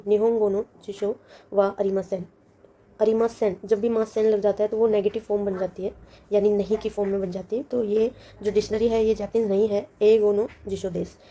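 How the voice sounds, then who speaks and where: A woman's voice: mid-range voice, mellow. A woman teaching a language lesson, patiently explaining and repeating each word with its meaning. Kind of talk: lesson walkthrough.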